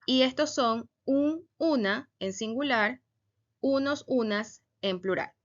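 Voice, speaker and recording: A woman teaching a Spanish grammar lesson, speaking slowly and deliberately and stressing each example word. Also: high voice, muffled recording.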